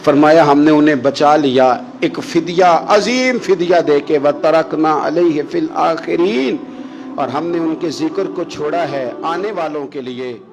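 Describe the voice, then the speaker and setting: A man preaching a sermon, telling a story with passion and chanting verses slowly. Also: on the high side, vocal fry, low-quality recording.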